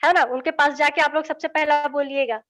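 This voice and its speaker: A woman's voice: high-pitched, steady tone, brisk, a bit bright, soft background music. A young woman giving a lesson to children, in a coaxing, patient way, checking after nearly every sentence that they follow. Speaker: children's teacher.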